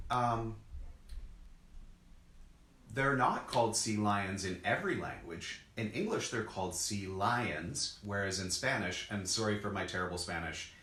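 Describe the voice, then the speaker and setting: A man's voice: lowish voice, a bit bright. A man co-hosting a children's lesson as a zoologist, explaining things casually and simply in short pieces. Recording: echoey room, background noise.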